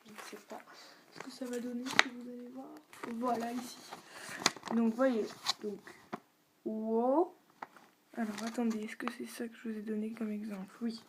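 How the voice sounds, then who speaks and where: A woman's voice: fairly high pitch, flat delivery, fairly quick, background noise. A woman giving a beginner video lesson on Chinese tones, patiently demonstrating sounds for viewers to repeat. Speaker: Chinese language teacher.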